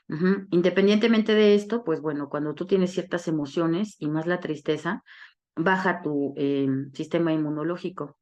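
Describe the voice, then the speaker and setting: A woman speaks to a support group in a low voice. She tells a personal story, acts out the lines she quotes and often checks in with tag questions. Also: darkish tone. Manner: storytelling, acting out quoted dialogue. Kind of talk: personal testimony talk.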